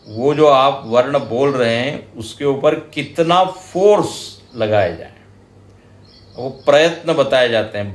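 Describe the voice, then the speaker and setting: Slow, deliberate Indian man teaching scripture. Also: medium pitch. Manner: slow, deliberate explaining with chanted examples. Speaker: spiritual teacher. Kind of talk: scripture lecture. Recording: roomy hall echo.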